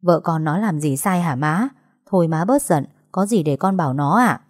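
A woman voicing a gentle, worried village father speaking softly to his daughter. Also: on the low side, expressive, moderate pace, dry recording, clean studio sound. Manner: gentle, stammering.

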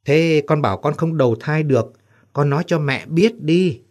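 A man's voice: a little high, normal speed, a little mellow, lightly acted. A man voicing an older mother who speaks tenderly and pleads in a trembling voice, in an audio story.

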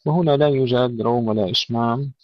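A man teaching tajweed, calmly explaining the rules and reciting verse examples slowly and drawn out. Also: mid-range voice, no room sound, dull audio.

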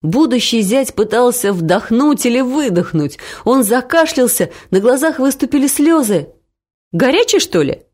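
A woman narrates a comic story in a lively, expressive reading. Her pitch rises and falls widely through the telling. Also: normal speed, hardly any pauses. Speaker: audiobook reader.

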